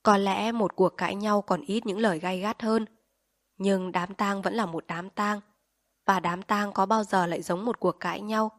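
Woman, audiobook narrator, calm measured reading, mid pitch, dry close sound. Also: dry recording.

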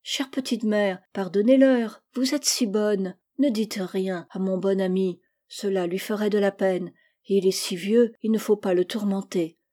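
A woman's voice: mid-range voice, fairly even intonation, a little slow, warm tone, close to an everyday voice. A woman voicing a spoiled, sly little girl in a storybook reading, petulant and wheedling.

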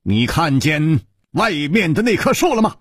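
A man voicing a calm, wise male hero who speaks in a measured, reflective way, in a storytelling performance. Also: fairly high pitch, breathy edge, no echo, clean studio sound, pitched above the performer's own voice.

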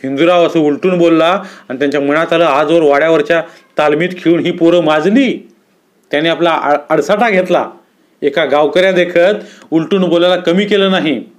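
A man reading a story aloud as narrator, with an expressive storytelling cadence. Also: on the high side.

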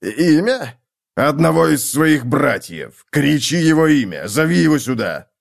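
A gravelly, grim dwarf warrior, as a male narrator puts him on, growling out short, blunt orders. He speaks slowly, dragging each word out, and his pitch swings widely between rumbling lows and barked highs. The voice is rough and menacing throughout. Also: sing-song, full character voice. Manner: growling, curt commands.

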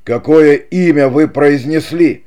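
A man's voice: mid-range voice, moderate pace, dark tone, lightly acted. A man voicing an older, grief-stricken nobleman father in an audiobook, outraged and pleading. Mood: anguished. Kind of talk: audiobook character reading.

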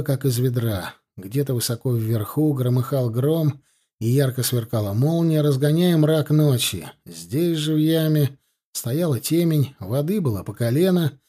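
Husky-voiced male audiobook narrator. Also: medium pitch, mellow. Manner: measured storytelling. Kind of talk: scripted narration.

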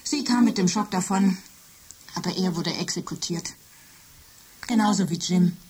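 A woman playing a lovesick, jealous female office computer in a radio drama, speaking softly and often in a whisper. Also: lowish voice, normal speed, slightly rough. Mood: obsessive, tender. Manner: soft, intimate, often whispering. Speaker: computer character.

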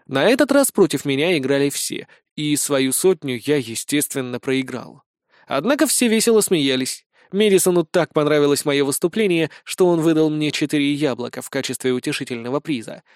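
A man reading a humorous first-person audiobook with a wry, deadpan delivery on a close mic. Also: on the high side, no room sound. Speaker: audiobook narrator.

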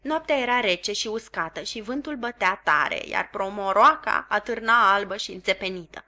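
Bright-voiced woman reading a novel. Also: medium pitch. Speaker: audiobook reader. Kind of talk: literary audiobook narration.

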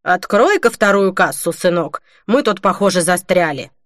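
A woman's voice: on the low side, animated, normal speed, fairly bright tone, dry recording, clean studio sound. A woman reading the part of an irritated male shop cashier who speaks curtly and sarcastically.

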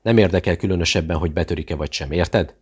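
A man's voice: sits low, darkish tone, husky. A man voicing a menacing interrogator who hisses threats at a captive in an audiobook.

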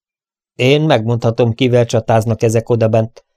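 A man voicing a bold young male cowboy hero who gives urgent, shouted commands. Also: mid-range voice, fairly even intonation, no room sound, studio quality, lightly acted. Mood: pleased.

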